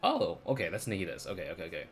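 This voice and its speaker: Talking very fast with huge swings in pitch, a low-voiced man chats casually during his video game stream. Behind his voice you can hear the game's music and dialogue.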